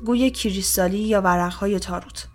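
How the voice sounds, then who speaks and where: A woman's voice: mid-range voice, soft background music, close to an everyday voice. Woman doing a mocking bald male cop. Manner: scoffing, condescending. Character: bald male police officer, mocking and dismissive.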